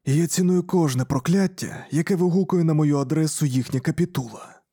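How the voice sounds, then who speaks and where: A grim, calm male space warrior leader, as a man reads him in an audiobook. His speech is cold and even, with a dark, warm tone and a slightly raised pitch. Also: a little fast, slightly rough, no room sound, studio quality.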